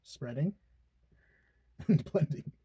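A young man with a mellow, warm voice chats playfully as he narrates each makeup step. His tone is teasing and easygoing. The sound is dry and close. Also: on the high side, expressive, extremely slow, slightly rough, no echo. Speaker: boyfriend doing makeup on camera. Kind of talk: casual chat while doing makeup.

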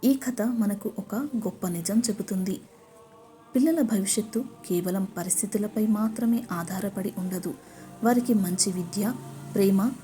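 Woman, scripted story narration, warm low-key timbre, faint music underneath.

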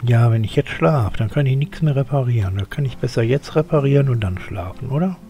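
A man's voice: medium pitch, brisk, warm tone, soft background music. An older man gives chatty live game commentary, muttering to himself and grumbling at his character. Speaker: let's play streamer.

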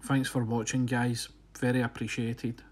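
Relaxed male photographer narrating. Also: mid-range voice, measured pace, slightly rough. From Scotland. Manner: relaxed, friendly, slightly hesitant. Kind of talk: casual voice-over narration. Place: voice-over, not recorded on site.

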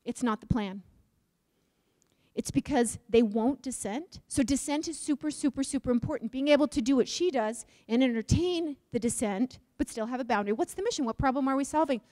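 A woman's voice: high voice, fairly quick, no room sound, studio quality. A woman from Utah giving a conference talk, asking the audience questions and joking. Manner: lively, questions the audience, jokes. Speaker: conference speaker.

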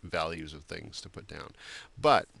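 A man giving a screen-recorded software drawing tutorial, talking loosely with many fillers and restarts. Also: a bass voice, animated, measured pace, gravelly, husky, no echo. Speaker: art instructor.

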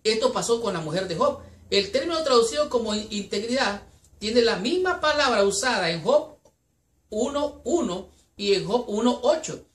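A woman teaching a Sabbath school Bible lesson in an earnest, unhurried way, reading scripture aloud between her explanations. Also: medium pitch. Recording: echoey room.

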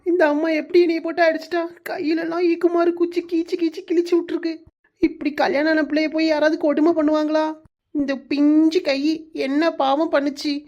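A woman's voice: sits high, steady tone, fairly quick, highs cut off, lightly acted. A woman voicing a sulky, self-pitying young bride-to-be with a southern Tamil Nadu accent. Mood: whiny.

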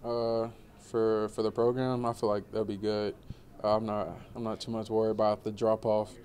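A young man in his twenties, a college football player, answering questions in a relaxed postgame press interview, with many fillers. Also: lowish voice, moderate pace. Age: 20s. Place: indoor media room before a banner.

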